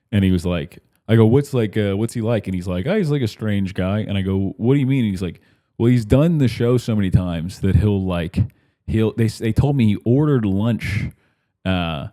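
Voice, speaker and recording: A man's voice: sits low, warm tone. A man, a comedian and podcast host, telling rambling stories in a casual monologue, often breaking off mid-sentence and acting out the voices of people he quotes. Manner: rambling, self-interrupting, acts out quoted voices.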